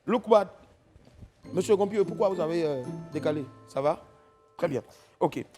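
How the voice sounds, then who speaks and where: Showy comedy host, high voice. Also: male voice, normal speed, darkish tone. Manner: showy, exclaiming, mock-solemn. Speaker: comedy talk show host. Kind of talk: comic studio hosting. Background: music.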